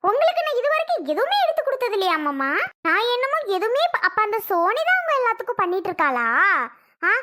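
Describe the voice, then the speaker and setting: A woman voicing a jealous, sharp-tongued daughter-in-law in a cartoon, needling her father-in-law. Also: extremely high pitch, sing-song, fast, heavily acted. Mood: sarcastic. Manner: sarcastic, needling.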